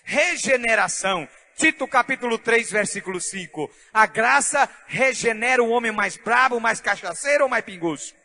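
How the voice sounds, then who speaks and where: A man preaching a sermon as pastor, fervent, with shouted and half-sung phrases, in a church. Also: very high voice, lively intonation, normal speed, long reverb tail.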